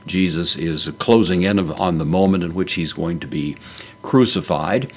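A man's voice: low voice, normal speed, a little hiss or hum. A man teaching a Bible lesson, working through a Greek verse word by word in a methodical way with frequent fillers.

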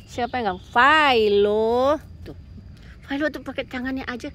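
A woman vlogging outdoors and chatting casually to viewers. She coos and playfully scolds her pets, often calling to them in a high voice. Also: fast talker. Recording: faint outdoor noise with crickets.

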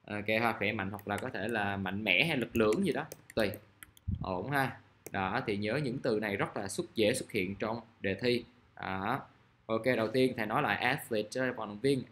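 Male teacher, mid-pitched, patient and repetitive explaining, faint keyboard typing and noise behind. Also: fairly bright tone. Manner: explains patiently, repeats key words, checks in with "được chưa?". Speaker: English teacher. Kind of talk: vocabulary lesson.

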